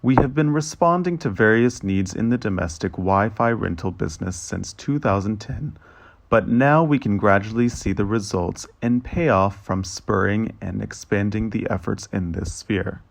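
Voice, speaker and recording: A man speaks as the interpreter in a translation voice-over for a financial briefing. His voice sits low with a gravelly edge. He reads each figure in a steady, formal manner. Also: normal speed. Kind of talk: read-aloud financial results briefing.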